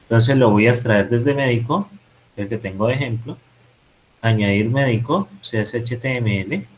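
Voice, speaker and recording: A man's voice: medium pitch, moderate pace, slight background noise, rough recording. A man teaching programming, thinking aloud and correcting himself as he types code in a screen-recorded lesson. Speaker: programming instructor. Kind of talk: live-coding tutorial.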